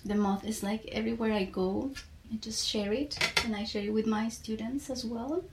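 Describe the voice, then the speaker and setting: This podcast guest, a poet and teacher from Colombia, speaks Spanish natively and carries a Colombian accent. In a relaxed, reflective chat her steady, rather high voice comes out haltingly as she gropes for words in a second language.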